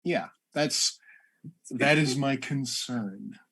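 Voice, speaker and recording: A man's voice: mid-range voice, drawn-out words, gravelly, fairly bright tone, husky. A man playing casually in character in a tabletop game, sarcastic and sweary. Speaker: player.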